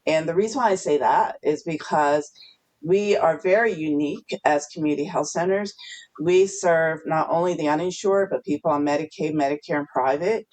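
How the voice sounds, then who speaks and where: A woman from New Jersey explaining her work as a podcast guest, steady and explanatory with some fillers. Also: deep voice, normal speed, poor audio. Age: older. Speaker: guest, health clinic CEO. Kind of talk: podcast interview.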